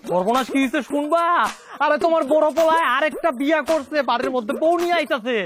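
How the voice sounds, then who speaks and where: An actor playing an excited younger brother-in-law who calls out urgent news in a Bangladeshi dialect. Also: male voice, very high-pitched, quick pace, over a noisy crowd. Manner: urgent, calling out.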